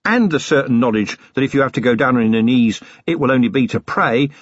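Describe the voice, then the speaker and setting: A shrewd, weary police commander, as a man reads him, coaxing and patiently ironic, the voice a bit husky with a lively lilt. Dry, slightly dull audiobook sound. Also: mid-range voice, fairly quick, no room sound, close to an everyday voice.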